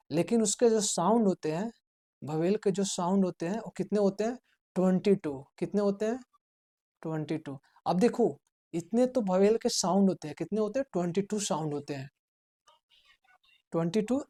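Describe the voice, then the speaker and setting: A male spoken English teacher giving a classroom lesson, asking the class questions, answering them himself and repeating the key words. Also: high voice. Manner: urges students to write things down.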